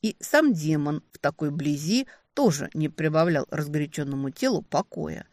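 A woman narrating a first-person romantic fantasy audiobook, expressive and lively on the heroine's lines. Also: deep voice, normal speed, dry recording.

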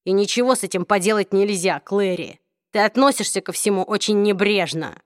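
A woman voicing a brooding young man, speaking low, slow and clipped in an audiobook reading. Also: no echo, clean studio sound, natural voice. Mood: cold.

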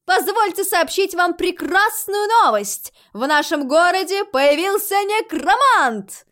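A woman voicing a loud, bossy middle-aged tavern woman who exclaims everything. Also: a little high, big pitch swings, brisk. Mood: excited.

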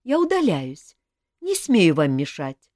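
A woman's voice: fairly low pitch, wildly swooping pitch, slow, darkish tone, no echo, studio quality, full character voice. A woman voicing a timid, deferential female courtier who speaks politely and apologetically. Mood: meek.

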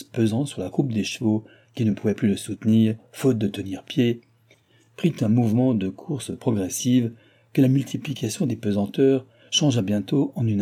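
Husky-voiced male audiobook narrator. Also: lowish voice, mellow. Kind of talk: scripted narration.

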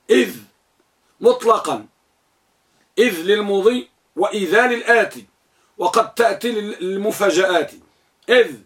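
A man's voice: sits high, fairly bright tone. A man teaching a grammar lesson in a classroom. He quizzes his students, echoes their answers back and recites lists of items one by one.

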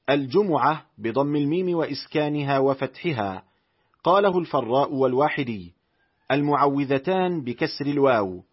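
A man reading a classical reference text aloud as an audiobook narrator, carefully spelling out vowels and letters in a measured way. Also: mid-range voice, husky, muffled recording. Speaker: audiobook reader.

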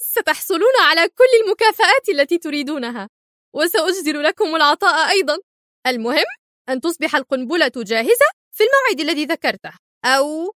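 A woman voicing a ruthless, quick-tempered female crime boss who snaps orders, in an audiobook. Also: a little high, expressive, no echo, studio quality. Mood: commanding. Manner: sharp, imperious, snapping orders. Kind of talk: audiobook character voice.

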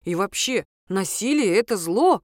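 A woman's voice: mid-range voice, lively intonation, normal speed, dry recording, lightly acted. A woman voicing a bearded village priest, a blunt, hot-tempered man with folksy, scolding speech, in a dry recording. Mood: indignant.

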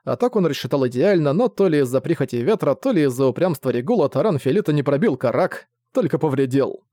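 A man reading a novel aloud as narrator, in a steady, measured way. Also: a little high, dry recording, clean studio sound.

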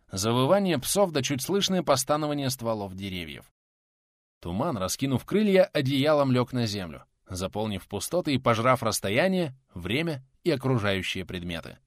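A man reading an audiobook aloud in a dramatic, expressive style. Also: medium pitch, no room sound, studio quality. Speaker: audiobook narrator. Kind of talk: scripted audiobook narration.

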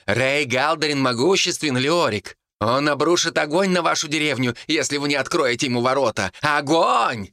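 A man's voice: on the high side, moderate pace, few pauses, pushed and bright, dry recording, clean studio sound, pitched above the performer's own voice. A man voicing a scheming, ranting male monk who shrieks threats and then turns sugary.

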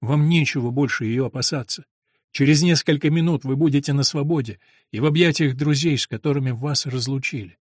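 A man voicing a calm young nobleman who speaks slowly, softly and soothingly. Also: medium pitch, breathy edge, no room sound, clean studio sound, pitched below the performer's own voice, close to an everyday voice. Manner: slow, soft, soothing.

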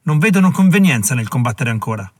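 A man's voice: mid-range voice, very animated, quick pace, darkish tone, dry recording. A man reading an audiobook, voicing a militia captain who reports back with deference. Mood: uneasy. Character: militia captain, dutiful and uneasy.

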